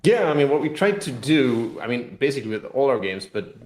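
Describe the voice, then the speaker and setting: With a medium-pitched, sing-song, darkish voice that runs a little fast, a man who is a game designer and CEO rambles loosely through casual explanations as an interview guest. The room is echoey.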